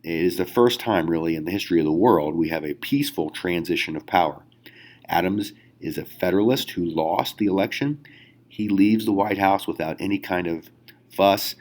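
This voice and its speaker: A man with a low voice teaches a history class. He talks casually, with plenty of fillers and asides to his students, and often checks in with a questioning "right?". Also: a little mellow. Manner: conversational, many fillers, rhetorical questions. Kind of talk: recorded classroom lecture.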